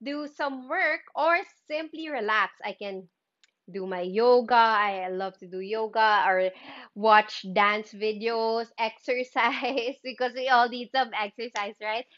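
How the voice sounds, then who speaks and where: Filipino woman in her thirties, livestream presenter: slow, bubbly sales chat, higher voice, slightly dull recording. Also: a bit bright. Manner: slow, enthusiastic, mixes in Tagalog. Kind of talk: live sales demo chat.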